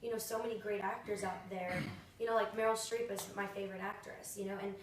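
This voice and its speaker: A woman's voice: mid-range voice, steady tone, quick pace, slight background noise. A woman acting coach chatting casually and earnestly about her craft. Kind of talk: casual chat. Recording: echoey room from far off.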